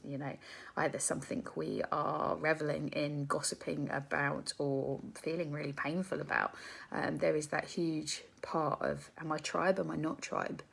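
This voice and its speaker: Low gravelly woman musing aloud. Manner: reflective, thinking aloud with many ums and rhetorical questions. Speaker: psychotherapist hosting a live stream. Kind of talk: casual live-stream talk.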